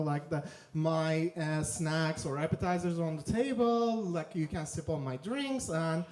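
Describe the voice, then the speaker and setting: A stand-up comedian from Turkey with a Turkish accent, telling deadpan jokes in a halting way with many fillers on a theater stage. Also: male voice, a little high. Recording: echoey theater room.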